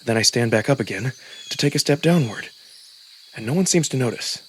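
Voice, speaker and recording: A man narrates a visual novel in first person, theatrical and lost in the story, as a narrator and voice performer. His voice sits at medium pitch with lively intonation, a slightly fast pace, and a bit of roughness. Music plays beneath him.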